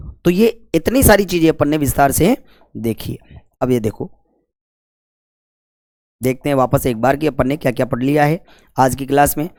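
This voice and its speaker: Dry-voiced Hindi grammar teacher quizzing himself. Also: male voice, on the high side, a little mellow, dry recording. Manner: asks and answers his own questions, scolding and joking with students. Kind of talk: classroom lecture.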